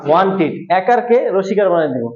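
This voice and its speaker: A man teaching English to a class asks a question and then repeats it to the students in a call-and-response lesson. His voice sits high and he talks quickly, with a crowd in the background and echoey, tinny, phone-like sound.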